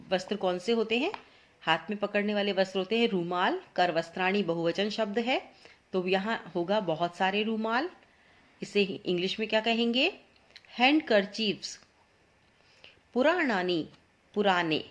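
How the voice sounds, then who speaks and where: A woman teacher explaining a school lesson, patiently repeating each word for students to say after her. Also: mid-range voice.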